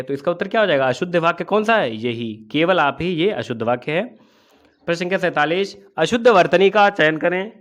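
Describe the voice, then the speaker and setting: A man teaching as an exam coach, explaining test answers step by step and asking questions he then answers himself. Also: fairly high pitch. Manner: asks and answers his own questions.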